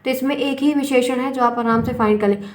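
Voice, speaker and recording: Hindi-speaking teacher, bright woman. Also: high-pitched, steady tone, quick pace. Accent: Indian. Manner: explains step by step, addresses viewers as friends. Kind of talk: exam-prep lesson.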